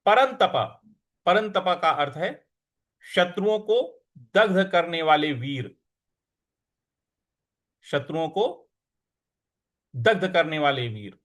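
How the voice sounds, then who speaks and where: A man teaching the recitation of a sacred verse, breaking words into syllables and chanting lines slowly. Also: on the high side, expressive, fairly bright tone. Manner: slow, syllable-by-syllable demonstrations with brisker explanations between; chants verses in a melodic intoned way. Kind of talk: recitation lesson.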